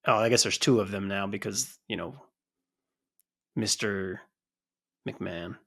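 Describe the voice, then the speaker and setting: Gravelly-voiced man co-hosting a wrestling podcast. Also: lowish voice, fairly even intonation, quick pace, a bit bright. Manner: blunt, swears freely, talks over his co-host. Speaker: podcast co-host. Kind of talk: casual chat.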